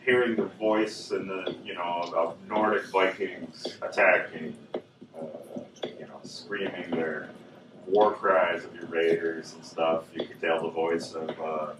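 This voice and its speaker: Give me a low-voiced man running a tabletop game in a noisy, echoey convention room. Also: flat delivery, takes it slowly, distant mic. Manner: loose, meandering scene description. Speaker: game master. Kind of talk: improvised narration of a tabletop horror game.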